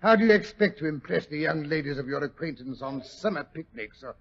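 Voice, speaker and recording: Muffled 1940s radio drama: elderly British doctor, jovial and blustery, high creaky voice. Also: male voice, expressive, a little fast. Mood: mock indignant. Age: older. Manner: fussy, old-fashioned, hemming. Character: jovial, blustery old English doctor reminiscing. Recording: dull, lo-fi 1940s radio recording.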